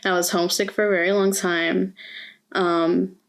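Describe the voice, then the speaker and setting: A woman's voice: lowish voice, little pitch movement, moderate pace. A young woman from Mexico, interviewed as a student, speaking earnestly and reflectively with frequent hesitations. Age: young adult. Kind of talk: oral history interview. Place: university campus.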